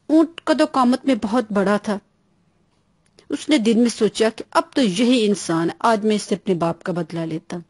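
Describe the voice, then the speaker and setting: A woman narrating a children's bedtime story in a plain, even-paced reading voice. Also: mid-range voice, no echo, studio quality.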